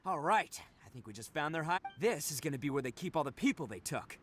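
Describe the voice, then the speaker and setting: A man's voice: on the high side, lively intonation, fast, faint music behind, close to an everyday voice. A man playing a brash, big-hearted young brawler in a video game, cocky, informal and exuberant. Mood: excited.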